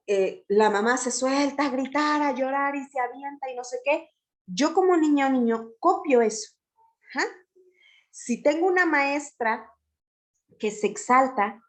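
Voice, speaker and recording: A woman giving an explanatory lecture to teachers, often checking in with her listeners. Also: high voice.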